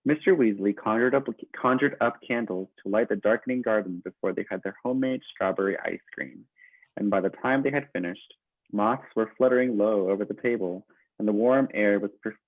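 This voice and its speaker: A man narrating a storybook in a steady, even read-aloud. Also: lowish voice, brisk, no echo, phone-quality sound.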